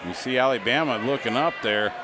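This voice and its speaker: A man's voice: mid-range voice, brisk. A man giving live color commentary on a pro wrestling match as the second commentator. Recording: noisy venue with crowd behind. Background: crowd noise.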